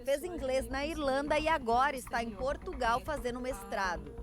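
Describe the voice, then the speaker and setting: A woman voicing a scripted TV news report in a measured, even newsreading manner. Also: high voice, music in the background.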